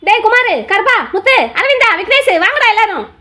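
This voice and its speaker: A woman voicing a loud village relative at a wedding in a cartoon, yelling and calling people over. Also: very high voice, fairly quick. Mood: shouting. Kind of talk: Tamil cartoon voice acting.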